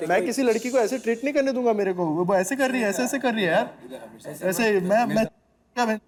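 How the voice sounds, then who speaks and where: A man's voice: high voice, animated, a little fast, crowd noise. A man in his twenties, a reality show contestant, defending himself and pleading in a mix of Hindi and English. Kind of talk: heated argument.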